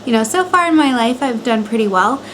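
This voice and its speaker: A woman's voice: a little high, a little fast, low-quality recording. Young American woman vlogging over fan noise. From Montana, United States. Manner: chatty, informal, conversational. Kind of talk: casual motivational how-to vlog talk. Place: bedroom at home. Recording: steady fan noise in background. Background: electric fan running.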